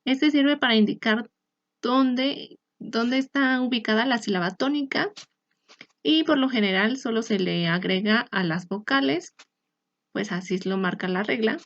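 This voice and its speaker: A woman teacher explaining a lesson in a clear, measured way, sometimes restarting a phrase. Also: fairly high pitch, no echo. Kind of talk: recorded online lesson. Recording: dry, slightly muffled recording.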